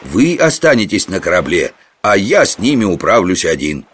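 A man's voice: low-pitched, big pitch swings, moderate pace, a bit bright, slightly rough, exaggerated voice. A man voicing a bold, crafty monk who talks in a cocky, boastful way in a storybook reading. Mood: confident. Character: bold, crafty male monk, brash and sly.

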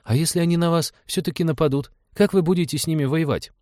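A man's voice: on the high side, fast talker, darkish tone, no echo, studio quality, voice pushed up, close to an everyday voice. Man putting on an eager chatty little boy. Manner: eager, whiny questions. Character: excitable young boy, curious and chatty. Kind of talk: audiobook character voice.

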